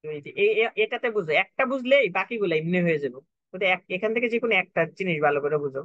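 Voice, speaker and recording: A young man teaches a math lesson, breaking each step down patiently and repeating himself to make sure students follow. His voice sits slightly high for a man. The recording is dry and dull, like a lo-fi online class. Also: expressive, racing, no room sound. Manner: patient, repetitive, checks for understanding. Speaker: math tutor.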